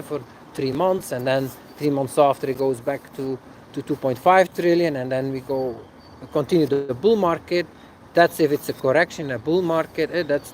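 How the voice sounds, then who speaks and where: A man's voice: medium pitch, slight background noise, poor audio. A man from Belgium, hosting a casual live Q&A outdoors, talking hesitantly with many fillers and tagging sentences with "eh?". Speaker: livestream host answering viewer questions.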